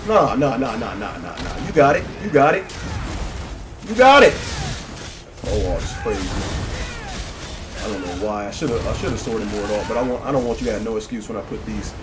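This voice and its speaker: A man giving excitable, trash-talking live commentary while streaming a game, swearing and bursting into laughter. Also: fairly low pitch, brisk. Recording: noisy background.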